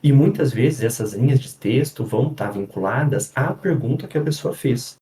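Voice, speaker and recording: A psychologist explaining things in a casual podcast chat, often pausing on fillers and restarting his sentences. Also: medium pitch, expressive, dark tone. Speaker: psychologist guest. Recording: echoey room.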